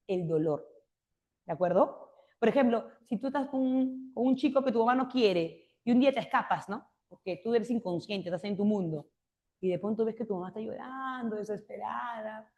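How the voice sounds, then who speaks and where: A woman's voice: medium pitch, mellow. A woman giving a classroom literature lecture, explaining points and often checking with rhetorical questions. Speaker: literature teacher.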